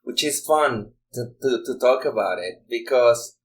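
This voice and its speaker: Guest: Mexican-accented man in his forties, native Spanish speaker, rambling and repetitive, mid-pitched. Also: animated, measured pace. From Guadalajara, Mexico. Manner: rambling, repeats words while searching. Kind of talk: casual chat.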